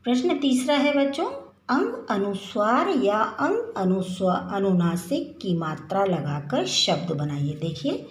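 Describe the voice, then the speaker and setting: A woman teacher giving a children's lesson, drawing words out slowly in a sing-song drill. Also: medium pitch, big pitch swings. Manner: slow, drawn-out, sing-song word drilling. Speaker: primary school teacher. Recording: very echoey room with faint noise.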